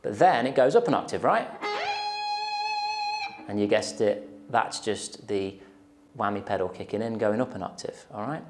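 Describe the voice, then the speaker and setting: Here a man in his thirties teaches guitar to the camera in a relaxed, explanatory way, often checking that the listener is following. He has a fairly low, expressive voice, a moderate pace, and frequent pauses, captured on a lapel mic in a small plain room.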